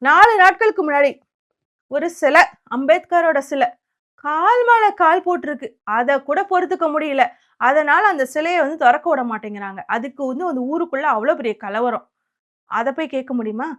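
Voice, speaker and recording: A woman's voice: high-pitched, moderate pace, fairly bright tone. A woman delivering a combative political commentary monologue, sarcastic and scornful, firing rhetorical questions at her target. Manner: sarcastic and combative, mockingly quoting opponents.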